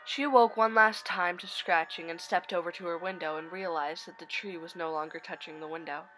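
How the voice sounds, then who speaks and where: Female horror-story narrator, lowish bright voice, scripted read over faint music. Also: fairly even intonation, brisk, poor audio. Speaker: narrator of online horror stories.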